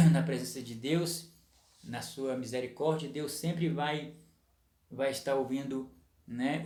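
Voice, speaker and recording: A man's voice: a little high, darkish tone. Echoey-voiced man preaching a sermon. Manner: frequent tag questions, rhetorical questions and restarts. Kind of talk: sermon teaching.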